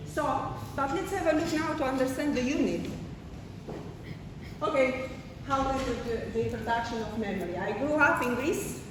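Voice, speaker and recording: A high-voiced woman lectures at a moderate pace, breaking things down step by step, questioning her students and checking "okay?" often amid fillers and restarts. Recorded from a distance by a room mic, the big hall comes across echoey and noisy.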